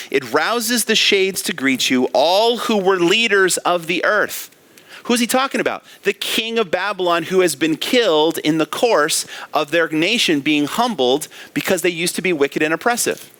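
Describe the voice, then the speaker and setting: A man's voice: on the high side, sing-song, moderate pace, a bit bright. A man preaching an expository sermon as pastor, asking rhetorical questions and reading scripture with emphasis. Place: church.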